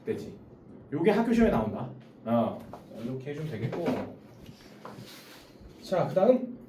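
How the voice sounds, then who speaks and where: Tutor teaching a small group, checks in with each student by name. Lively, up-and-down delivery, heard from across an echoey room. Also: mid-range voice, normal speed, slight background noise. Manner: calls on students by name, explains step by step. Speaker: math tutor. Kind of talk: small-group math lesson. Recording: roomy sound from a distance.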